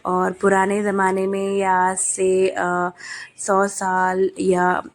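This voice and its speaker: A young adult woman who has a cold and keeps coughing narrates a family vlog in casual chat. Her medium-pitched voice is monotone with drawn-out words, and her talk is full of hesitant fillers.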